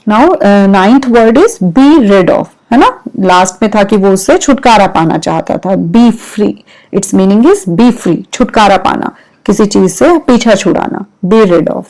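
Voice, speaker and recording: A woman's voice: medium pitch, lively intonation, slow, darkish tone, rough recording. A woman teaching English vocabulary with an Indian accent, spelling words out letter by letter and explaining their meanings patiently. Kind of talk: vocabulary lesson mixing English and Hindi.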